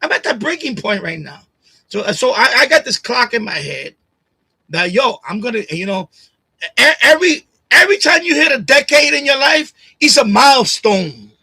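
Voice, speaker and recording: A man in his late fifties vents to his livestream audience in a high, bright voice, swearing freely and circling back to the same lines. He talks close into a desk microphone at home, and the sound is dry, with almost no room echo. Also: very animated, moderate pace, slightly rough. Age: 50s. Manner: rambling, profane, repeats phrases, voice rises when upset. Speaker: livestream host. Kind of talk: emotional personal rant. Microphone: desk USB condenser microphone.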